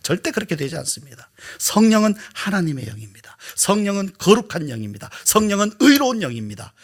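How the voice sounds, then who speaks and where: A man preaching a Sunday sermon as pastor, swinging between hushed, whispered asides and loud, emphatic rhetorical questions. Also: high voice, big pitch swings, fast talker. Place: church sanctuary.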